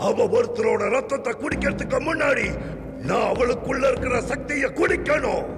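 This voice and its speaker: An actor dubbing a frenzied madman who rants, shouts and half-chants that a bloodthirsty hunter is coming. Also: very high voice, animated, moderate pace. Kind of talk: dubbed film acting. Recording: film soundtrack with long reverb and music.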